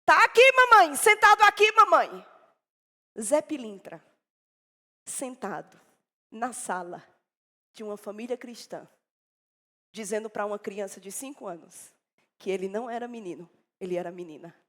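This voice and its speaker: A woman's voice: medium pitch, normal speed, pauses often. Dramatic woman preacher in an echoey hall. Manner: dramatic storytelling, swings between loud and hushed. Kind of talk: sermon. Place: church.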